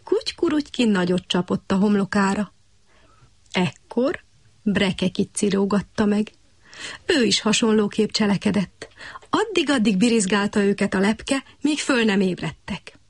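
A woman telling a radio bedtime story to children, expressive and storytelling. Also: medium pitch, breathy edge, dry recording.

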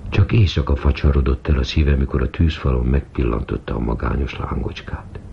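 A man narrating a novel in a measured way on an old radio broadcast. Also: rumbling low, vocal fry, a little hiss or hum. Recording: dull old radio recording.

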